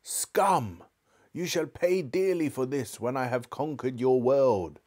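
A man's voice: medium pitch, slow pace, a little mellow, voice pushed up. A man voicing a cruel, proud witch queen in a storybook, declaiming grandly and with menace. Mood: scornful triumph.

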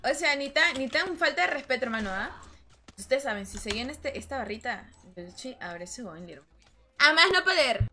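Woman game streamer, high and bright, chatty and teasing, light music under her voice. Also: sing-song, normal speed. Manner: chatty, teasing, calls viewers "hermano". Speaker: gaming livestreamer. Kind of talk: casual live-stream chat with viewers. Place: home room with her cat nearby.

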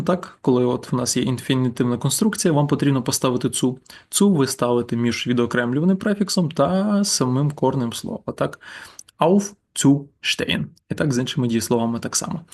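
Male language teacher, patient explainer, mid-pitched, walks through slides and drills example words slowly. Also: darkish tone. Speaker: German teacher. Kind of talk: slide-based grammar lesson.

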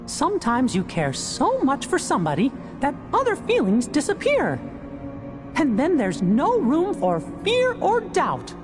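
A man voicing a small, gentle, earnest heroic cartoon mouse in a squeaky falsetto for a video game cutscene. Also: wildly swooping pitch, a little slow, music in the background, full character voice. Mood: earnest, encouraging.

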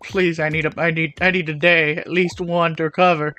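A man's voice: a little high, flat delivery, brisk, pushed and bright, voice pushed up. A man voicing a weary, overworked male fisherman villager who pleads for a day off. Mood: pleading. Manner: pleading, strained.

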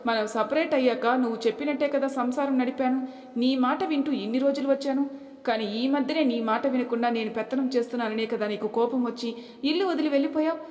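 A woman's voice: sits high, fast talker, a little mellow, close to an everyday voice. A woman voicing a stern older father who lectures his family with rhetorical questions, in an echoey room. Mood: scolding. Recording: echoey room, long reverb.

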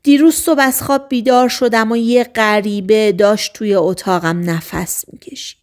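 A woman's voice: mid-range voice, steady tone, close to an everyday voice. A woman voicing a frightened, fussy old blind man in an audiobook, talking in an anxious, rambling way.

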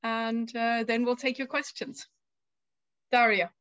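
A woman's voice: a little high, level tone, slow, a bit bright, no echo, lo-fi sound. A woman from Germany hosting a live video call as a tour guide, friendly and with frequent fillers. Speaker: UN tour guide, session host. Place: home room, indoors. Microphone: laptop video call.

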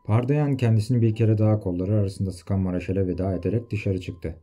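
A man reading an adventure novel aloud in steady storytelling. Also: sits low, dull audio. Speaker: audiobook reader. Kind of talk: scripted novel narration.

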